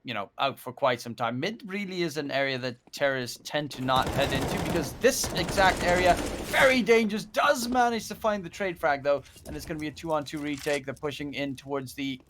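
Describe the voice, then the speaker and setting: A man giving live esports match commentary as a caster, lifting excitedly on key plays. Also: medium pitch, a little fast, hardly any pauses. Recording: faint game noise and gunfire.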